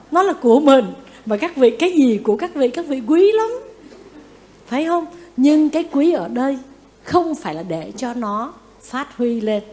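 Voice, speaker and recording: A woman, a Buddhist nun, giving a sermon who keeps asking the audience questions and repeating phrases for emphasis. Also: high-pitched. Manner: lively, asks the audience questions and answers them.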